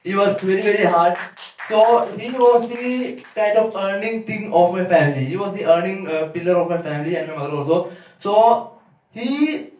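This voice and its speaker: A high-voiced man speaks English with a Malayali accent from Kerala. He is a nervous amateur comic, rambling and doubling back on his words. He sounds distant from the microphone in an echoey room. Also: moderate pace, a little mellow. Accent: Malayali (Kerala) Indian English. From Kerala, India. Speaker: amateur stand-up comedian. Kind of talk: halting open-mic stand-up storytelling. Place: live open-mic venue, small audience. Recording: echoey room, far from mic.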